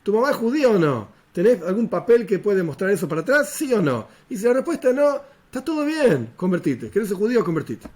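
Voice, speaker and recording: Man, Argentine accent, rabbi, informal lesson, emphatic, slightly high voice. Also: very animated, quick pace, hardly any pauses, a little mellow, slightly rough. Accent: Argentine Spanish. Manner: conversational, emphatic, repeats for stress. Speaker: rabbi teaching a class.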